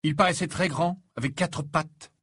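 A man's voice: fairly high pitch, moderate pace, fairly bright tone, husky, no echo, pitched above the performer's own voice. A man reading aloud and voicing an earnest, curious teenage boy wizard in a storybook.

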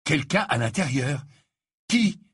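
Reader voicing a young wizard boy, pushy questions, slightly raised husky voice. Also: mid-range voice, expressive, takes it slowly. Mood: insistent. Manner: insistent questioning. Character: teenage boy wizard, pressing and curious.

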